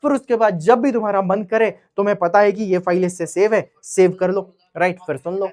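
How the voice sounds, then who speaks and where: A man's voice: high voice, a little fast, darkish tone. A young man teaching a live online exam-prep class, chatty and keeps checking in with his students.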